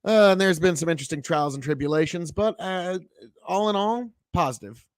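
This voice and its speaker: A man's voice: high voice, brisk, no echo. A man in casual online panel banter, talking in a jokey way with mock-dramatic asides.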